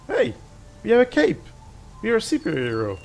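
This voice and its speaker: Over game music, a middle-aged man whose first language is French plays and talks through a game as a channel host, restarting thoughts and tossing in self-deprecating remarks. His high-pitched voice swoops wildly, with vocal fry, at normal speed.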